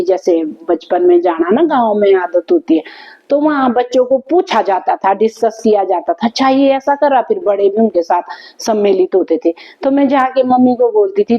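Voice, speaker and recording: A woman talks casually to camera, unhurried and thoughtful, pausing often to gather her thoughts. Her voice sits at a middling pitch. The recording sounds slightly muffled and lo-fi. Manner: unhurried and reflective, with many thinking pauses. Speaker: vlogger. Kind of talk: casual reminiscing talk to camera.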